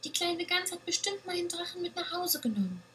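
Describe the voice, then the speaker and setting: A woman voicing a little girl goat in a children's story, with a childlike, high, pleading voice. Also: lively intonation, a little slow, bright, forceful tone, a little hiss or hum, exaggerated voice. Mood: sheepish.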